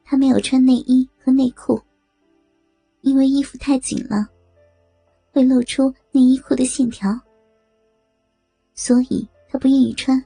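A woman reads an erotic audio story aloud in a steady, even storytelling manner. Her voice is high yet mellow and a little breathy. The sound is close and dry, with no room around it. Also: unhurried, long pauses, no room sound, soft background music. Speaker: narrator.

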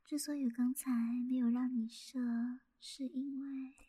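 A young woman in an intimate whispered roleplay, soft, teasing and coaxing, with a breathy voice. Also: high voice, flat delivery, measured pace, no room sound.

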